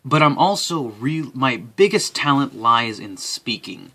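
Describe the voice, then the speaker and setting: A young man talking casually to the camera as an applicant, with a dry, deadpan delivery. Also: mid-range voice, unhurried, breathy edge. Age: young adult.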